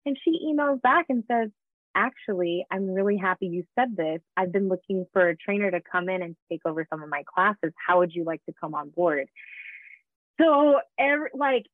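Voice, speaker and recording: Heard over a tinny line that sounds like a phone, a thirtysomething woman who founded a fitness business shares her story as an interview guest. She talks at a moderate pace in a medium, expressive voice, with no echo, keeping things chatty with frequent laughs and fillers.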